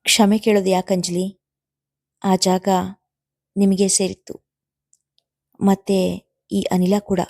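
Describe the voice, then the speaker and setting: A woman reading the lines of a gentle young man in love, soft and slow. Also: mid-range voice, completely flat delivery, no room sound, clean studio sound. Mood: tender.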